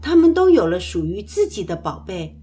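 Expressive woman reading a bedtime story. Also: medium pitch, normal speed, breathy edge. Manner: soft, expressive. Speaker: children's storyteller.

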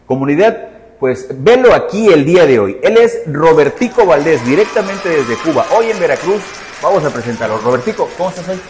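A man's voice: on the high side, big pitch swings, a little fast, big-room sound, music in the background. A man hosting a podcast, chatting in a friendly way with a guest and laughing easily. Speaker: podcast host. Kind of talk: casual interview.

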